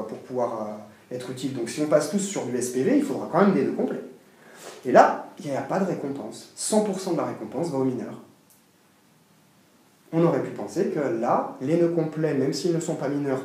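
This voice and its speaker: A man lecturing to a seminar with a swinging, animated delivery and a mellow, soft-edged tone. He restarts his sentences and throws in emphatic asides as he goes. He is recorded from far off in a very echoey room. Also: medium pitch.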